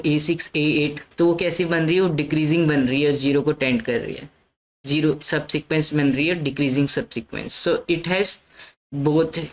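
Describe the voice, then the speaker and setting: A woman's voice: deep voice, low-quality recording. A woman teaching a maths lesson, explaining step by step and often checking in with her listeners. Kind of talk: lecture mixing Hindi and English.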